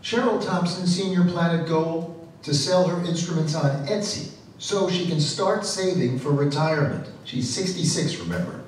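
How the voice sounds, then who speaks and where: A male reporter narrating a news feature in a measured, crisp way. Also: fairly high pitch. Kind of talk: scripted narration. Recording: echoey, distant, noisy.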